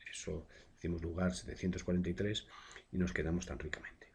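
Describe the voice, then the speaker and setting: Man, teacher, recorded grammar lesson, gravelly, very husky, patient with fillers. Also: low-pitched, little pitch movement, a little fast, a little mellow. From Spain. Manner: explains patiently with frequent "eh" fillers and tag questions. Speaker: secondary school language teacher.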